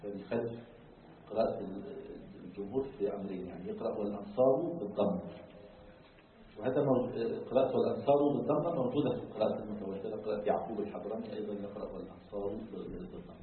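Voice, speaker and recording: A man giving a lecture on Quran commentary, explaining at length, filling pauses with a drawn-out "ah" and checking in with the class through rhetorical questions. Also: on the low side, slight background noise. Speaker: religious teacher. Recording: distant, echoey, tinny phone-like lecture recording.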